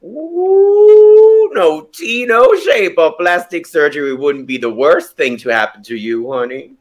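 A German-accented man, appearing as a drag queen guest on a playful video call, trades campy example insults with a sassy, laughing delivery. His voice is a little high with big pitch swings, and he talks a little slowly.

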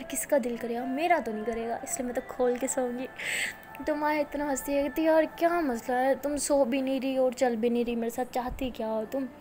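A woman's voice: high-pitched, a little hiss or hum. A young woman with an Indian accent narrating a romantic story, voicing the dialogue of both characters herself. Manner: switches between soft narration and lively voiced dialogue.

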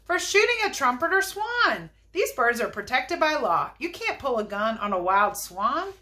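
A woman's voice: high-pitched, big pitch swings, moderate pace, pushed and bright, exaggerated voice. A woman voicing a stern, rule-bound male game warden in a storybook reading.

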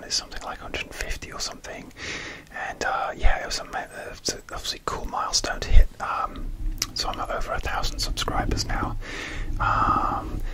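A man speaking in a steady unvoiced whisper, rambling with many fillers and restarts as he hosts his ASMR video. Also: low-quality recording. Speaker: ASMR creator.

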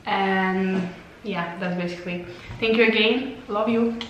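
Speaking unhurriedly at medium pitch with a steady tone, a young vlogger who isn't a native English speaker chats casually to a handheld camera at arm's length, often laughing as her voice fades. The audio is dull with a little hiss or hum, and the tiled hotel bathroom adds echo.

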